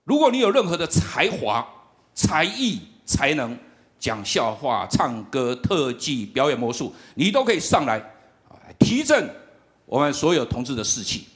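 A middle-aged man, giving a lively, humorous sermon testimony and often laughing as he tells the story. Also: mid-range voice, moderate pace. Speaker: campus ministry worker.

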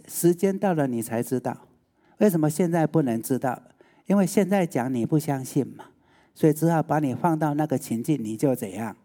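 A man's voice: mid-range voice, mellow. A male preacher, giving a sermon and often putting rhetorical questions to the listeners.

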